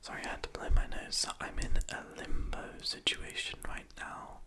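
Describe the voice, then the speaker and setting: A young adult speaking in a soft, breathy, unvoiced whisper, rambling hesitantly and self-deprecatingly to the viewer in an ASMR style. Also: normal speed. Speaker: ASMR video creator. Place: small room in a house at night.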